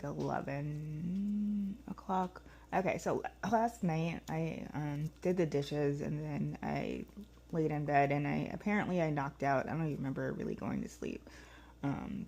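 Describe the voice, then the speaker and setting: A woman in her thirties with a low, warm, hoarse voice rambles casually through a day-in-the-life vlog at home, moving around the kitchen and house. Her talk is full of ums and restarts.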